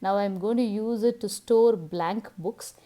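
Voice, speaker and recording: Female home vlogger, thirties, Tamil Indian accent, mid-pitched voice, casual narration. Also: unhurried, warm tone. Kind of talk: casual household vlog narration.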